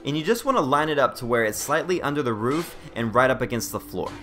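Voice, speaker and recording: A man's voice: mid-range voice, lively intonation, fast, pushed and bright, soft background music. A man hosting a casual game tutorial voice-over in a joking, conversational manner. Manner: self-deprecating, joking, conversational. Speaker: video host.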